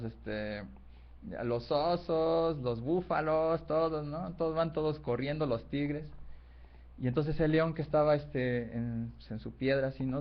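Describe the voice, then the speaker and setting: A man's voice: mid-range voice, highs cut off. A man teaching a meditation workshop and telling a fable, speaking conversationally, with restarts and frequent tag questions. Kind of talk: storytelling lecture.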